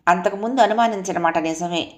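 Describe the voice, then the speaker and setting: A woman's voice: on the low side, a little fast, close to an everyday voice. A woman voicing a remorseful young husband who speaks in a pleading, tender way.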